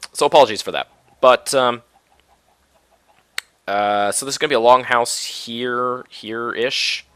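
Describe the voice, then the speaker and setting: A Minecraft let's play host from the Minneapolis-Saint Paul area of the US chats casually as he plays, in a laid-back, rambling way full of ums and restarts. His deep, low voice has a bright, forward edge, and he's coming down with a cold. The recording is close, dry and smooth, with no echo.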